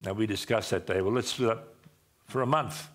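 A man in his sixties, a pastor, seated on a dim church stage with a headset mic, telling a personal story in a conversational sermon and often dropping his voice low for emphasis. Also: normal speed. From Australia. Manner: conversational, animated gestures, drops low for emphasis.

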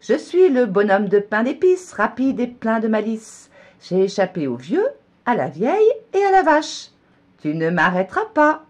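A woman voicing a cocky, mischievous little gingerbread man in a storybook reading, with a shrill, sing-song taunting chant. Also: big pitch swings, unhurried, darkish tone, dull audio.

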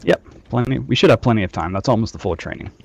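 A squad trainer runs a game training session over group voice chat, his instructions loose and packed with fillers. His fairly low voice moves fast, with vocal fry and a slightly mellow quality.

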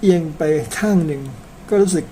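A man's voice: high-pitched, fairly quick, dark tone, slight background noise. A man from Thailand narrating an old epic in a chatty, casual way, tagging his sentences with polite particles and slipping in personal asides. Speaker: storyteller.

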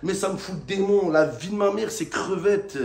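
A man giving a loud, mocking rant of a football match debrief, breaking into sudden shouts. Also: high-pitched, normal speed, vocal fry, roomy sound. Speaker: football fan vlogger. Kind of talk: ranting match debrief to camera.

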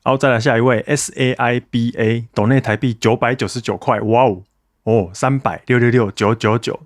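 A man's voice: mid-range voice, fairly even intonation, moderate pace, dry recording, clean studio sound. A man from Taiwan hosting a casual solo podcast, chatty and self-mocking as he talks to listeners and thanks donors. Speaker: podcast host.

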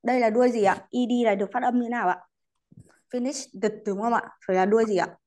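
Speaking quickly in a steady, rather high voice that's a little mellow, she teaches an online English class. Her approach is patient and polite; she mixes in English words and adds courteous particles to most of what she says.

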